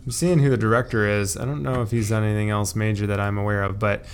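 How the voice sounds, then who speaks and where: A middle-aged man hosting a casual family podcast, rambling along with hesitant pauses. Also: lowish voice, fairly even intonation, smooth. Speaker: podcast host, father.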